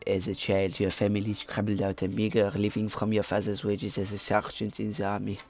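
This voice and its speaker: A man's voice: fairly low pitch, monotone, fairly quick, a little mellow. A man putting on a mock French accent to read a game story. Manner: hammy, stumbling over words while reading aloud.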